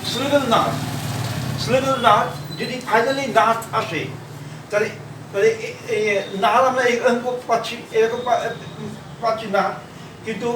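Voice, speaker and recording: Man teaching shorthand, really high voice, halting, echoey room a ways from the mic. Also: a bit bright, distant mic, a little hiss or hum. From India. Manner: halting, repeats words while writing. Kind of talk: classroom lesson.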